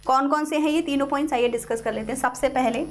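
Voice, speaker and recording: Indian woman English teacher, high voice, patient step-by-step online lesson. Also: steady tone, fast talker, soft background music. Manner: explains step by step, repeats key words, addresses students as kids. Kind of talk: online class lecture.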